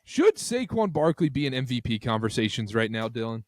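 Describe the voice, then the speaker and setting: A man's voice: medium pitch, sing-song, fairly quick, darkish tone, no room sound. A young man hosting a sports podcast, teasing his co-hosts and steering the talk back to the show. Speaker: podcast host. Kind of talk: casual sports podcast banter.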